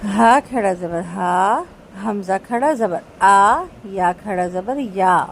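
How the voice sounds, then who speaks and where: A woman teaching Quran recitation, spelling out letters slowly and checking after each point. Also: medium pitch, a little hiss or hum, rough recording. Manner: patient, repeats each letter slowly and checks with "theek hai?". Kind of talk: tajweed lesson, spelling out letters.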